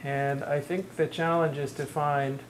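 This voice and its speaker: A man's voice: a little high, flat delivery, a little slow, a little hiss or hum. A middle-aged man lecturing in a university classroom, answering audience questions in a thoughtful, hedging way with many restarts.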